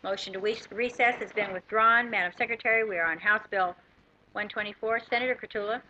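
A forceful, bright-voiced American woman chairs a legislative session, directing the room in formal procedural language. The sound is dull and lo-fi, with faint background noise. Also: mid-range voice, quick pace. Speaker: senate president presiding over session. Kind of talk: parliamentary procedure.

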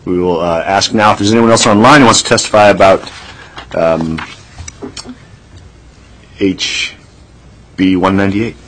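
A man's voice: low voice, unhurried, pauses often, fairly bright tone, slight background noise, poor audio. A man chairing a legislative committee hearing, speaking plainly with frequent ums.

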